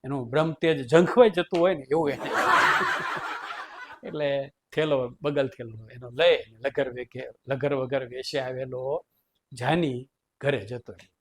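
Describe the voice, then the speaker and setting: A man's voice: mid-range voice, unhurried, a bit bright, slight background noise. A man telling a humorous story, chuckling often between sentences.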